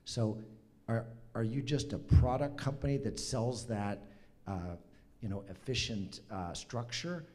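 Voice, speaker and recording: A man judging a pitch competition, spontaneously restating and probing to clarify. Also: measured pace, darkish tone.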